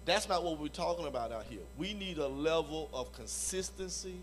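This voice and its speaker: A man preaches at a church training conference in a notably high voice. He speaks emphatically, repeats his points and keeps asking the crowd for an amen. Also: lively intonation, moderate pace, faint music behind. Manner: emphatic, repeats phrases, calls for "Amen?" from the audience. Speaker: conference evangelism leader. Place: church hall before a live audience.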